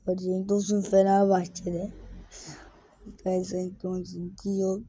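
A woman giving gameplay commentary, muttering quietly and then breaking into excited, slangy outbursts. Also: lowish voice, takes it slowly, breathy edge, dry recording. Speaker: gaming video creator.

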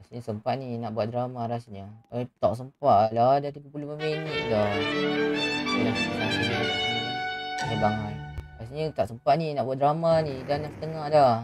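A man's voice: medium pitch, fairly quick, darkish tone, faint music behind. A man chatting casually on a live stream, greeting and thanking viewers and laughing often. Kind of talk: casual live-stream chat while gaming.

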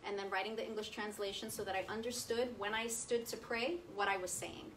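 With a medium-pitched, fairly bright voice and a steady tone, a woman in her thirties speaks briskly as a guest, sharing a conversational personal testimony and often checking in with her audience. She sits at a table in a meeting room with a projector screen. The far camera catches distant, roomy sound from across the room plus slight background noise.

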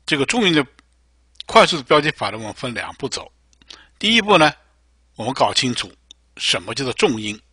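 A man teaching music notation software in a patient, step-by-step screen tutorial. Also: mid-range voice, sing-song, a little fast, pauses often, slightly rough, no room sound, clean studio sound.

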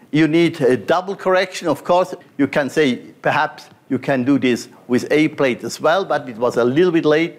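A man, a surgeon, giving a conference lecture over slides, walking through each point with non-native phrasing and frequent fillers. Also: medium pitch. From Switzerland. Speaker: pediatric orthopaedic surgeon lecturing.

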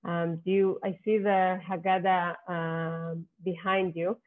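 A woman's voice: lowish voice, little pitch movement, slow pace. A woman hosting a video call interview, politely moderating and introducing the guests. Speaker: host. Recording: tinny phone-like call audio.

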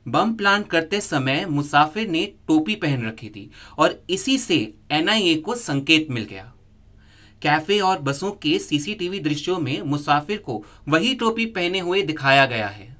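A man reading a scripted news report as a voice-over, in a steady, measured way. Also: a little high.

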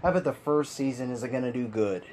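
A man's voice: mid-range voice, fairly quick, a little mellow, slight background noise. A man giving a frustrated, exasperated rant as a video commentator, sighing and repeating himself. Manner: frustrated, exasperated ranting with sighs and laughs. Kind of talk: ranting opinion commentary.

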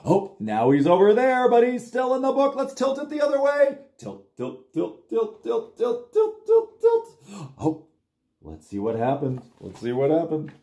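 Reading to young children in a small, plain room, a storytime host in his forties speaks in a high voice, a little slowly. He's playful and over-the-top, using sing-song repetition and gasps.

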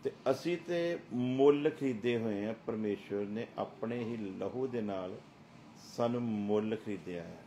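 A man's voice: fairly low pitch, unhurried, dark tone, slight background noise. A middle-aged man preaching a sermon as a pastor, emphatic and full of rhetorical questions.

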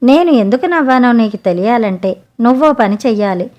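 A woman voicing a clever, sharp-tongued young sea maiden in a spoken storybook, talking frankly and chidingly. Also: fairly high pitch, lively intonation, fairly quick, muffled recording, lightly acted.

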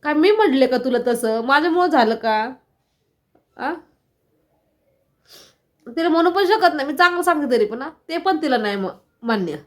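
High-voiced aggrieved woman venting. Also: animated, normal speed, pauses often. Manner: aggrieved, full of repeated rhetorical questions. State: distressed. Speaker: vlogger. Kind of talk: emotional personal vlog monologue.

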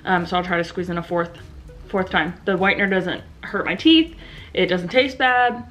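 A young woman talks casually to a camera propped up in her bedroom. She is chatty and fills her talk with ums and likes. A slight lisp softens her S and SH sounds. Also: on the low side, normal speed, soft background music. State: slight lisp from new aligners. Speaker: vlogger. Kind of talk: casual vlog talking to camera. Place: bedroom at home. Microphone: camera set down in front of her.

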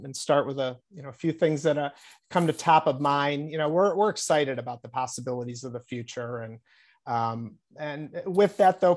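A middle-aged man, an insurance executive, speaking earnestly on a panel video call through earbuds from a small office, with many restarts. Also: fairly high pitch.

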